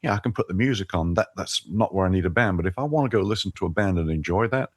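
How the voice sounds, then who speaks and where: Very deep-voiced older man, earnest. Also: fast talker, no room sound, studio quality. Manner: enthusiastic, earnest, repeats words when starting. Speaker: podcast guest. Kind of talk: conversational interview.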